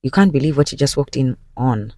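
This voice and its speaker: A woman's voice: extremely low pitch, expressive, fairly quick, mellow, no echo. Woman retelling a drama, dry close sound. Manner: recounts the story in second person, speaking to the listener. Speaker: podcast host. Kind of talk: casual storytelling.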